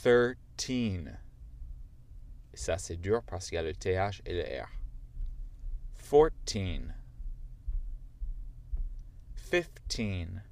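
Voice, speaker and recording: A man's voice: sits low, very animated, extremely slow, long pauses, darkish tone. A man whose first language is English, speaking French with an American accent, patiently teaching a language lesson step by step.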